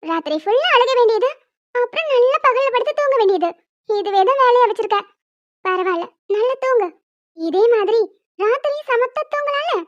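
Woman doing a squeaky bossy young wife. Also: a little mellow, dry recording, lo-fi sound. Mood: scolding. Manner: scolding, lecturing. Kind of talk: cartoon voice acting.

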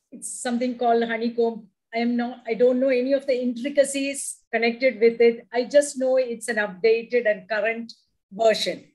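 A middle-aged woman with a South Indian accent, a native Malayalam speaker, reading and introducing a poem with deliberate, expressive phrasing over a video call. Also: a little high, rough recording. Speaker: poet reading own work. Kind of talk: poetry reading with explanatory introduction. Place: indoor room at home, video call. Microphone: video call microphone.

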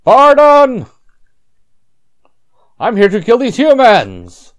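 A man doing a high robot voice. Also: huge pitch swings, slow, full character voice. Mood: indignant. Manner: high, clipped, exaggerated robotic delivery. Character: robot man, stiff and excitable. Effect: put-on robot voice. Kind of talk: playful voice acting over gameplay.

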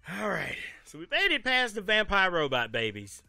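A male gamer gives playful, casual commentary in a raised, animated voice. The sound is close and dry, and very crisp. Faint game music plays behind him. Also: high-pitched, moderate pace, no room sound. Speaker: gamer host of a let's play.

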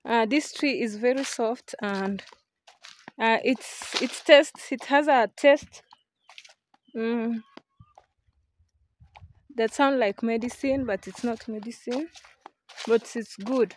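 A chatty young village life vlogger walks outdoors around a rural farm, showing it off in casual narration. She holds a phone camera at arm's length, and her slightly high voice is slow with frequent pauses, with a little hiss or hum in the audio.

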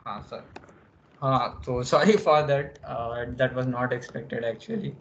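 A young man with an Indian accent giving a casual, halting screen-share tutorial, thinking aloud as he goes. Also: medium pitch, vocal fry, fairly bright tone, a little hiss or hum. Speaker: workshop presenter. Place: online video call, screen share. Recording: dull lo-fi call audio, typing clicks.

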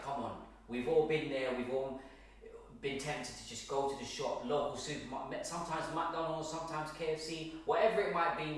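Recorded from a distance by a camera with no visible microphone, a man speaks in a very echoey, large and bare home kitchen. He's a fitness coach delivering direct-to-camera tips in a mid-range voice, emphatic and repetitive, often asking "okay."

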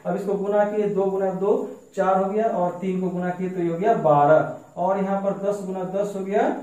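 A male math teacher, explaining a classroom lesson slowly and step by step to children. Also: high voice, steady tone, mellow. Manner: slow, repetitive explaining, addresses children directly. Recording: very echoey room, mic far off.

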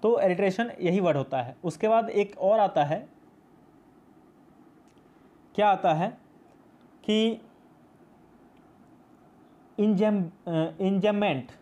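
A man's voice: high voice, slow, pauses often, mellow. A male teacher explaining a poem in a class video, patient and repetitive, mixing English terms into his speech. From India.

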